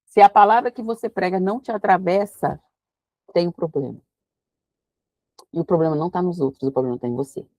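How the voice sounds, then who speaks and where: A woman leading a devotional Bible study. She reads scripture slowly and explains it in a lively, conversational preaching tone. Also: lowish voice, no room sound.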